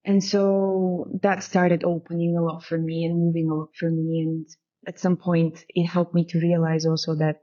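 A woman's voice: lowish voice, flat delivery, moderate pace, mellow. A woman in her thirties from Bulgaria, telling her story as a guest in a casual interview, reflective and full of "you know" fillers. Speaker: guest, shamanic guide. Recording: muffled lo-fi recording.

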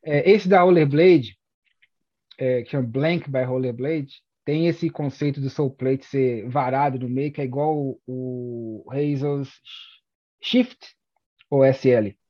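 A man's voice: mid-range voice, takes it slowly, no echo, muffled recording. A man with a Brazilian accent chatting casually in slangy speech, repeating phrases for emphasis as he talks like an experienced skater. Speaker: experienced inline skater discussing gear. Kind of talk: casual chat.

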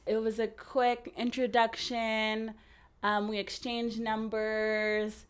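A woman's voice: fairly high pitch, flat delivery, slow pace, smooth. A young woman with an American accent co-hosting a podcast in informal, emphatic casual chat. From San Francisco Bay Area, USA. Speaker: podcast co-host.

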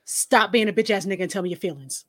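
A young woman co-hosting a casual chat, blunt, laughing often and mimicking soft coaxing voices. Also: mid-range voice, animated, quick pace. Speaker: podcast co-host.

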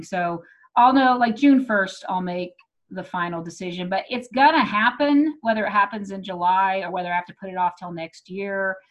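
A woman from Texas with an American accent, chatting casually and hesitantly as she thinks aloud. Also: fairly low pitch. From Texas, United States. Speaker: comedian and comedy show producer. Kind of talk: casual chat.

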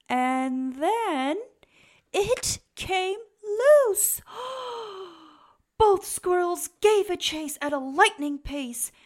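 A woman reading a rhyming children's picture book aloud in a slow, expressive, lilting way. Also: high-pitched. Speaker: storybook reader.

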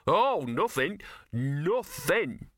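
In a clean studio recording with no room sound, a man with a mid-range, expressive voice speaks at normal speed in a bright, forceful tone. He plays a grumbling, sullen, small bow-legged talking dog in an audiobook, muttering and whining self-pityingly in slangy, colloquial speech, sounding aggrieved.

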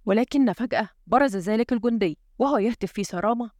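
A woman reading a thriller novel aloud in a dramatic, expressive storytelling style. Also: fairly high pitch, fast, dry recording, studio quality. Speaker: audiobook reader.

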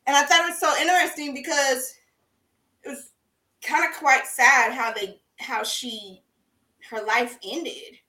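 A woman's voice: high voice, a little slow, pushed and bright, recorded from a distance. A woman co-hosting a casual podcast chat, swearing freely and laughing often as she tells a story. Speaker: podcast co-host. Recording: roomy echo.

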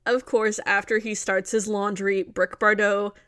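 A woman co-hosting a podcast, recapping a movie plot in casual chat with wry, deadpan asides. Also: mid-range voice, a little slow, smooth, no room sound, studio quality. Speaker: podcast co-host.

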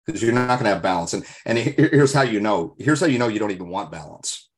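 A man's voice: lowish voice, animated, quick pace. A man co-hosting a podcast in casual discussion, talking in an earnest, reflective way, with emphatic rhetorical questions and stories. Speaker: podcast co-host.

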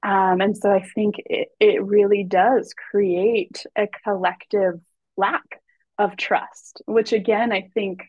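A woman speaking as a guest educator in a podcast conversation, measured and reflective, with soft fillers. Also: mid-range voice, flat delivery, slightly rough, no room sound, dull audio. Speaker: guest, body and sexuality educator.

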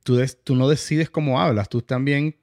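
A man's voice: medium pitch, steady tone, moderate pace, darkish tone, no echo. A man from Venezuela hosting a casual conversation, checking in with "¿me entiendes?".

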